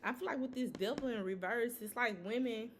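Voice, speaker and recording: Female tarot reader, slightly high voice, loose chatty delivery with frequent swearing. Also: fairly quick, slight background noise. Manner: loose, repetitive, sprinkled with "you know" and swearing. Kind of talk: casual tarot reading.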